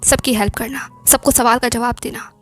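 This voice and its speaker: A woman narrating a romantic story aloud in the first person, in a soft, reflective manner that often drops to a whisper. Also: fairly high pitch, steady tone, a little fast, soft background music. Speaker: audiobook narrator.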